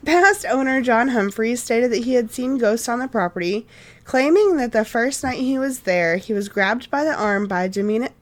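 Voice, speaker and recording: High-voiced woman telling a podcast story. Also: expressive, moderate pace. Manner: reads notes with frequent "uh" and "um", easily sidetracked into laughter. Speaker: podcast co-host.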